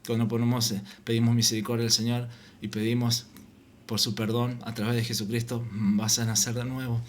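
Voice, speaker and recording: A man giving an informal Bible teaching, reading scripture aloud and often halting and repeating words. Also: medium pitch, level tone, slight background noise. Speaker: preacher.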